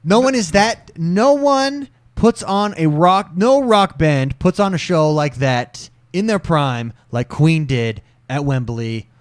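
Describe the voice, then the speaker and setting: A man's voice: a little high, expressive, slow, few pauses, dry recording, studio quality. Jokey, rambling young podcast guy. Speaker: podcast co-host. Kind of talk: casual chat.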